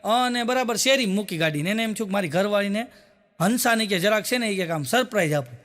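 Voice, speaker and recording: High, bright comic storyteller. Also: male voice, quick pace. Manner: lively joke-telling, acting out the characters in the jokes. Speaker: stand-up comedian. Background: audience laughter.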